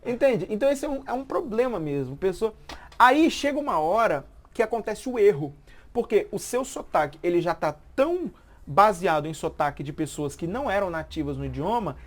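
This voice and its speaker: A woman with a medium-pitched voice explains something casually on a live stream in the manner of a language teacher, repeating points and asking if the listener is keeping up.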